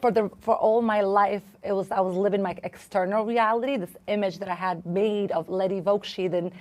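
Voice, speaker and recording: A woman's voice: medium pitch, fairly even intonation, a little fast, a little mellow. A woman from Albania, raised in New York, reflectively telling her life story as a podcast guest. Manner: reflective, speaks with fillers. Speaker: guest, business coach. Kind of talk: casual interview storytelling.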